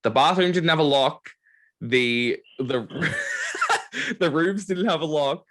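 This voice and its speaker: This podcast host is a young man with a fairly high-pitched voice who takes his time. In a casual chat, he tells lively stories, saying "like" over and over.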